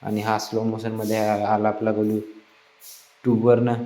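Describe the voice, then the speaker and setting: Low mellow man, teasing vlog chatter. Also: monotone, moderate pace. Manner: chatty, teasing, playful narration. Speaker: vlogger working at a water park resort. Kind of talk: casual vlog commentary.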